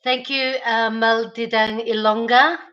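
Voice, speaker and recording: A woman's voice: on the high side, fairly even intonation, unhurried, pushed and bright, dull audio. A middle-aged Australian woman chatting casually with viewers on a live stream, greeting them by name.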